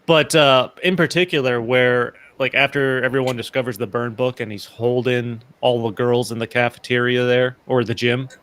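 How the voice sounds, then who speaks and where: Man, co-host, casual movie chat, rambling, filler-heavy, average pitch. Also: steady tone, moderate pace, few pauses, fairly bright tone, no echo. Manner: rambling, many fillers and restarts, laughs often. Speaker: podcast co-host reviewing movies.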